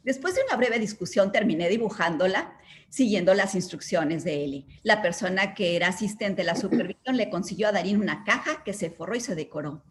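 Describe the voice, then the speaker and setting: A woman from a school team reading aloud, in a calm and measured way, her own account of a counseling case. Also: mid-range voice, a little hiss or hum.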